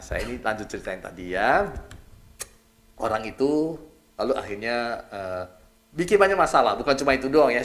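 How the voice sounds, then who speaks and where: A middle-aged male pastor from Indonesia preaching in a casual, conversational style, lively and chatty, often tagging his phrases with a quick "ya". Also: mid-range voice.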